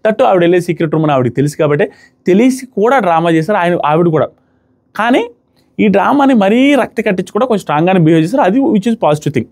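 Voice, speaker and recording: A man's voice: high voice, lively intonation, a little mellow. A man casually reviewing a reality show episode, giving his opinions to viewers. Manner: fast, opinionated, talking to viewers.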